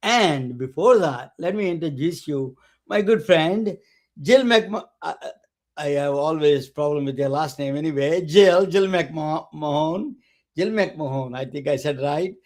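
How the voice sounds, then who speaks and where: A man hosting a webcast, introducing guests in a halting way with many restarts and fillers. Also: a little high, animated, darkish tone. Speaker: webcast host. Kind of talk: casual interview introduction.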